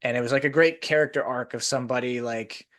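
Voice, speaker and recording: A man's mid-range, slightly bright voice keeps a steady tone at a fast clip. He is a podcast host in casual conversation, meandering through long stories peppered with "like."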